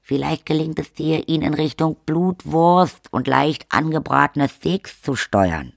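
A man voicing an older village witch woman, shameless, blunt and bossy in a brisk matter-of-fact way. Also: on the high side, lively intonation, vocal fry, no echo, clean studio sound, pitched above the performer's own voice, exaggerated voice.

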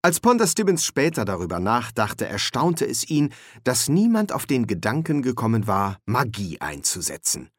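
A man narrating a comic fantasy audiobook in a measured, expressive reading. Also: medium pitch, dry recording, clean studio sound. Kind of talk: scripted narration.

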